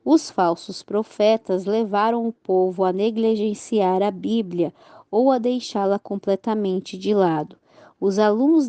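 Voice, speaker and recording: A woman's voice: medium pitch, warm tone, dry recording. A woman reading a religious book aloud as narrator, carefully and with occasional self-corrections.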